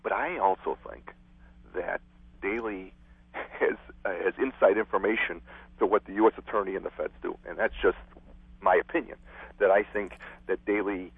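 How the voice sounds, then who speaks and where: Guest man calling in by phone; low, husky, laughs easily while telling frank stories, thin dry phone sound. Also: moderate pace, pauses often, no echo. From Chicago. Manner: frank, chatty, laughing storyteller. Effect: heard over a telephone line. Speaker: radio guest, former city clerk. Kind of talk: phone interview. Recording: tinny dry phone line.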